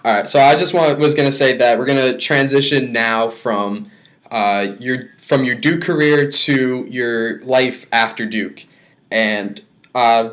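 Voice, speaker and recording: Mid-pitched podcast host man. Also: a bit bright. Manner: friendly, slightly halting, with "uh" fillers. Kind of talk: interview questions and casual chat.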